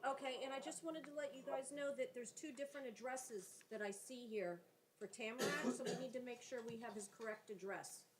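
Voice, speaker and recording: A woman's voice: fairly high pitch, fairly quick. A woman judge speaking in a formal, businesslike way as she runs a court hearing. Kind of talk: procedural courtroom speech, reading charges and rulings. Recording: noisy courtroom with clicks.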